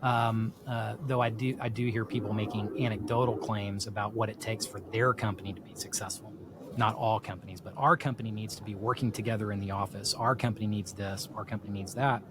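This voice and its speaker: On a podcast, a middle-aged South Texas man talks through ideas in a rambling, reflective way, full of "you know" fillers. His voice sits on the low side with a steady tone and a slightly fast pace, against a noisy background, in a casual discussion.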